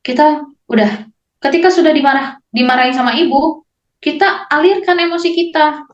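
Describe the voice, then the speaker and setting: A young Indonesian woman giving a calm, gently instructive talk on managing emotions, with many relaxed fillers. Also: sits high, moderate pace. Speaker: parenting speaker. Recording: echoey room, slightly dull sound.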